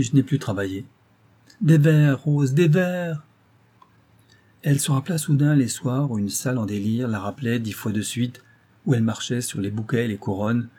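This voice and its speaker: Man reading a classic novel out loud, husky dark voice, steady. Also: lowish voice. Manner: steady, literary storytelling. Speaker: audiobook narrator. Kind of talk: scripted narration.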